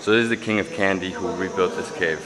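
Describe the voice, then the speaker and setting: A man's voice: low voice, fast, crowd noise, poor audio. A young man hosting a travel vlog, explaining sights enthusiastically while walking outdoors and through caves. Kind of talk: casual travel vlog narration. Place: outdoors at a temple site and inside caves.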